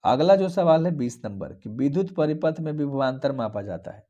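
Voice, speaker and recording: A man's voice: medium pitch, animated, normal speed, warm tone. A young man with a Bihari Hindi accent, going through exam questions, repeating each answer and coaxing his students along. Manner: repetitive, coaxing, calls students darlings. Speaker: teacher. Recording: dull lo-fi recording.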